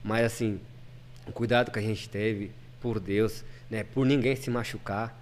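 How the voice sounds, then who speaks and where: A man's voice: lowish voice, fairly even intonation, measured pace, a little hiss or hum. A man who is a lay preacher, a guest on a podcast, telling a personal story in casual, earnest talk full of restarts and repeated words.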